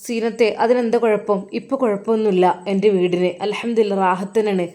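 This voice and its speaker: A woman voicing a young male madrasa teacher with a Malappuram accent, who talks calmly and asks plain questions. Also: mid-range voice, fast, natural voice. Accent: Malappuram Malayalam.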